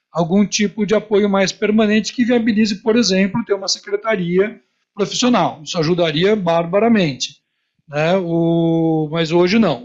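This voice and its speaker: Guy on a panel thinking out loud, pretty high voice, muffled audio. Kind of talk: spontaneous panel talk. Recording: dull, muffled event recording.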